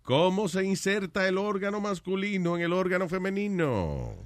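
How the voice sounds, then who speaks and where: A male host with a slightly high, animated voice and a Caribbean Spanish accent. He slips between Spanish and English in Spanglish while bantering and reading items from a list. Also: normal speed, noisy background.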